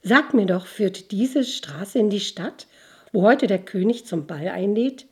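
A woman's voice: mid-range voice, expressive, unhurried, darkish tone, slightly rough. A woman voicing a handsome young nobleman in a fairy tale, who speaks earnestly and tenderly. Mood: friendly.

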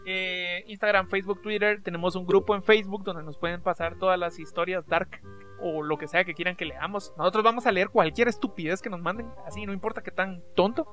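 A man's voice: sits high, steady tone, fairly quick, fairly bright tone. Guatemalan man, podcast co-host, rambling casual banter, faint music behind. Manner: rambling, self-interrupting, joking. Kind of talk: casual chat.

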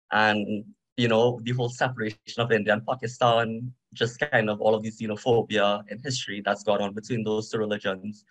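A man's voice: medium pitch, poor audio. A young man from Trinidad and Tobago, a podcast guest, telling his story in a reflective, conversational way with frequent "um" and "you know".

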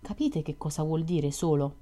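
A shy, solitary young male dreamer, earnest and wistful, as a woman narrator reads him. The voice is lowish and mellow and carries a reflective, storybook telling. It stays measured and sincere. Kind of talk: audiobook reading of a novel.

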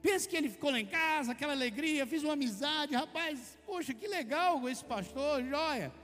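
A man's voice: very high-pitched, animated, moderate pace, a bit bright. A man with a Brazilian accent preaching a conversational sermon, telling chatty personal stories and calling his listeners brother. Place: church hall. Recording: long hall reverb with faint music.

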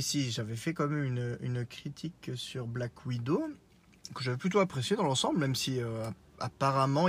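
A man's voice: medium pitch, fairly bright tone, slight background noise. A man with a Lorraine accent hosting a casual solo podcast, rambling with lots of fillers and self-corrections, teasing himself, recorded on a smartwatch microphone while driving. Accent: Lorraine French. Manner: self-deprecating. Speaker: podcast host.

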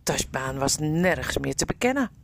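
A woman reading a children's adventure story aloud in an expressive, dramatic way, in a noisy recording. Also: sits low, normal speed, gravelly. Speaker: narrator.

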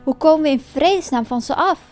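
A fretful old peasant woman from a folk tale , voiced by a woman storyteller. She sighs and frets, her voice only slightly lower than the narrator's high tone. Faint music runs underneath. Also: fast talker, a little mellow, natural voice.

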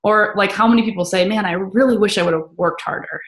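A woman in casual chat, animated and full of fillers as she talks. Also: mid-range voice, fast talker. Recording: roomy echo.

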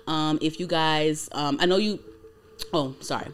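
A woman's voice: deep voice, measured pace, slight background noise. A woman in her twenties co-hosting a casual podcast, talking in a loose, rambling way full of likes and ums. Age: 20s. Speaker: podcast co-host.

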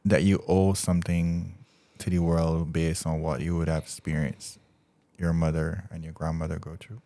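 A man hosting a podcast interview, asking questions and warmly encouraging his guest. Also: very deep voice, flat delivery, normal speed. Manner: encouraging and supportive. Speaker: podcast host. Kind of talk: casual interview talk.

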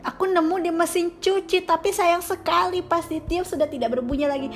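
A matter-of-fact wife on the phone, as a woman puts her on. Her voice is high and plain. Faint music runs beneath. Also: steady tone, fairly quick. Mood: explaining.

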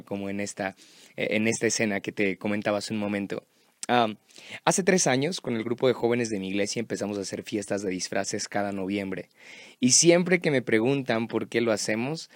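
A man's voice: mid-range voice, dry recording, studio quality. A man giving a devotional sermon in a conversational way, often asking the listener questions. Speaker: youth preacher.

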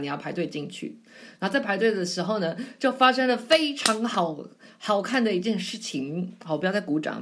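A woman, chatting on her own podcast in a rambling, self-mocking way. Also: lowish voice. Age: 20s. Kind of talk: casual solo storytelling.

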